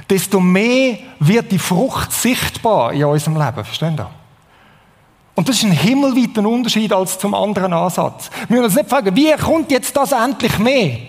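A man with a high voice and a Swiss German accent delivers a sermon. He talks in a relaxed, conversational way and keeps asking his listeners questions. His voice carries a long reverb from a large hall. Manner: conversational, asks the audience questions. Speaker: preacher.

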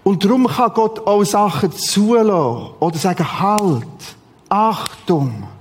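A man preaching a sermon in a lively, conversational way, with sudden emphatic outbursts. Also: sits high, moderate pace, long reverb tail.

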